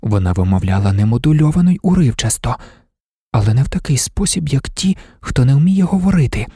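Very husky male audiobook narrator. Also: mid-range voice, expressive, dry recording, clean studio sound. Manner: measured, quiet first-person storytelling.

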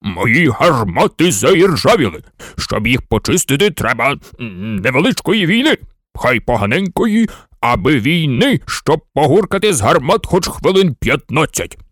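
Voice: mid-range voice, sing-song, measured pace, no room sound, studio quality. A narrator voicing a hot-tempered male army general who barks orders in a storybook reading. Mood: alarmed. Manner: blustering, barking commands. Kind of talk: audiobook character voice.

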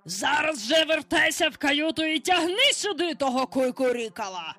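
Captain Hook, put on by a woman narrator, high and menacing. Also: animated, slow, soft background music, full character voice. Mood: commanding. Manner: coldly threatening, mock-gentle. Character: menacing male pirate captain with iron hook.

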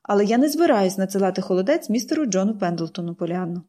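A woman's voice: medium pitch, expressive, fast, warm tone, close to an everyday voice. A woman reading an audiobook, voicing a cold, stern middle-aged aunt who speaks curtly. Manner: cold, curt. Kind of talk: audiobook character voice.

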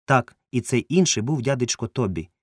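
A man's voice: medium pitch, normal speed, no echo, pitched above the performer's own voice, close to an everyday voice. A man voicing a good-humoured ship captain with a dry, wry wit, recorded close and dry. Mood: wry, amused. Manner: wry, joking, calm.

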